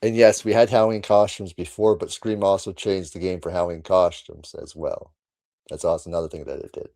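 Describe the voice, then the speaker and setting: A man's voice: low voice, little pitch movement, a little fast, warm tone, dry recording. A man hosting a casual horror podcast chat, laughing often and trailing off with "so". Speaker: channel host.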